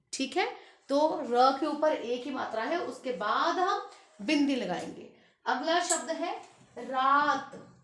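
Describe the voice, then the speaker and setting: A middle-aged woman teaching a school grammar lesson, patient and drawn out, calling her pupils "beta" and stretching out example words. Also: high-pitched. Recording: echoey room.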